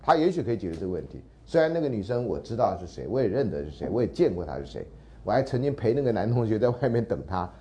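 A middle-aged man lecturing and telling a story, acting out the people he quotes with lively shifts in his voice. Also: fast talker. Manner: animated, acts out quoted voices with jumps in pitch. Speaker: university lecturer. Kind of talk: lecture storytelling with acted dialogue. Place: lecture hall.

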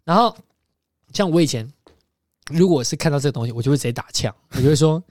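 A man chatting casually, telling animated stories and acting out the dialogue. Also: fairly high pitch, fast talker, no echo, clean studio sound. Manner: animated storytelling, acts out dialogue, laughs often. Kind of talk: casual chat.

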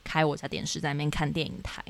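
A young woman from Taiwan, co-hosting a podcast, telling her dreams in animated casual chat full of fillers. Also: sits low, quick pace. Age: young adult. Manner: animated storytelling with many fillers. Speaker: podcast co-host.

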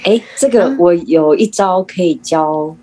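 A woman's voice: on the low side, unhurried, dark tone. A woman sharing parenting advice in casual podcast chat, laughing often.

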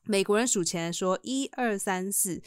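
Lively laughing woman in casual podcast chat. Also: medium pitch, normal speed, clean tone, no echo, studio quality. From United States. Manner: lively storyteller who keeps laughing and acting out the people she quotes. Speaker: podcast co-host.

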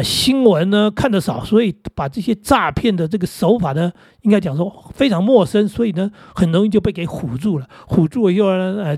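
A man's voice: sits high, darkish tone, slightly rough, dry recording, clean studio sound. A middle-aged man with a Taiwanese Mandarin accent, hosting a casual chat and rambling through anecdotes with many fillers. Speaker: podcast host.

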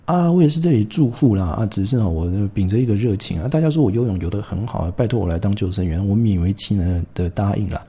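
A man voicing a boastful middle-aged lifeguard auntie who praises herself with drawn-out particles. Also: lowish voice, expressive, warm tone, breathy edge. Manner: showy, self-praising, drawn-out sentence-final particles.

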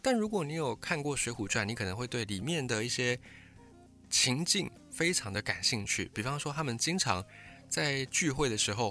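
A male host tells history in a steady, explanatory storytelling way. His tone is bright and forceful, sitting at an ordinary middle pitch. Soft music runs quietly under the voice. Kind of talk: scripted history talk.

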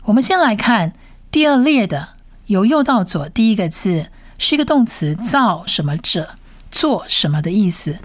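Woman teaching, animated pitch, dry sound. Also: dry recording. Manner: patient, repeats each sound slowly several times. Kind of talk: language lesson.

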